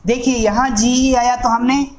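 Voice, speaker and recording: A man teaching an exam-prep lesson who speaks slowly and deliberately, spelling out words sound by sound and repeating them for drill. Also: very high-pitched, little pitch movement, slight background noise, poor audio. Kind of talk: recorded classroom lesson.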